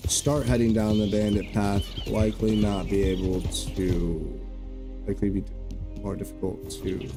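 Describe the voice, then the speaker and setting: Low-voiced young gamer, casual and jokey. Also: male voice, level tone, a little slow. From Arizona. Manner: casual, jokey, swears freely. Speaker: gamer streaming a playthrough. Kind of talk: let's play commentary. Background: game music and horse hooves.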